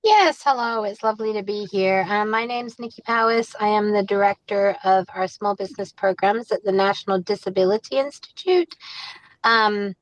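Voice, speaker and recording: A woman's voice: medium pitch, normal speed, no echo, rough recording. A woman introducing herself as a panelist on a webinar video call. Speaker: panelist, program director.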